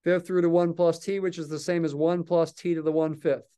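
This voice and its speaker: A man's voice: a little high, flat delivery, a little fast, warm tone, clean tone. An older man giving a recorded calculus lecture, talking patiently and thinking aloud as he writes at a desk in a small office. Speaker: math lecturer.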